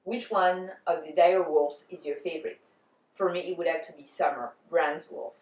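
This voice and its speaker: A woman's voice: low voice, fairly even intonation, moderate pace, darkish tone. A woman vlogger giving semi-scripted talk to camera in an articulate, bookish way. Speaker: vlogger answering fan tag questions. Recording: echoey room.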